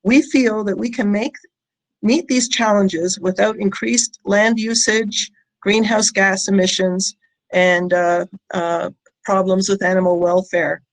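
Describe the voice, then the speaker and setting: Woman giving a halting short presentation. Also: mid-range voice, fairly even intonation. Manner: hesitant delivery with frequent ums and pauses. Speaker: company founder and scientist presenting. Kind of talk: prepared short conference presentation. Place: online presentation with audience in chat.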